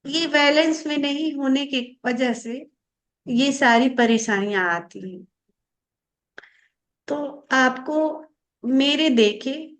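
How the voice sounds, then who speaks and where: A woman spiritual teacher giving calm, unhurried advice on meditation, explaining step by step with pauses. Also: sits high. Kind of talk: slow spiritual guidance talk.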